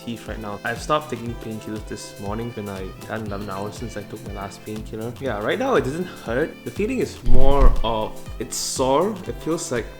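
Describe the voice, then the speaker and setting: Male home vlogger, casual and slightly halting, roomy kitchen sound with music underneath. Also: medium pitch. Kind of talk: casual cooking and recovery vlog. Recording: echoey room with music behind.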